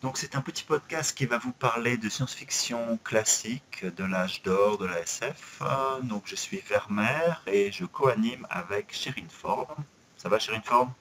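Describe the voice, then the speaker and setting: A man, co-hosting a casual podcast chat with a relaxed, chatty manner and frequent hesitations. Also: medium pitch, unhurried, vocal fry, a little hiss or hum. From France, Paris. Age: 40s. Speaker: podcast co-host.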